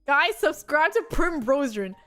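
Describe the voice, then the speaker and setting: A young woman with a notably high voice, chatting on stream in a loose, rambling way and giggling often. Soft music plays faintly behind her. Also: big pitch swings, a little slow. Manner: rambling and giggly, with frequent laughs and filler words. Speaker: VTuber streamer. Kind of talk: casual chat stream, storytelling.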